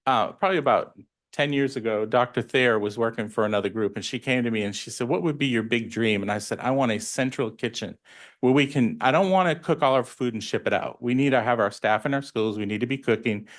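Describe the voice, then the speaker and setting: A man's voice: mid-range voice, fairly quick. A man who runs a school nutrition program, explaining at a public board meeting in a plain way with frequent ums.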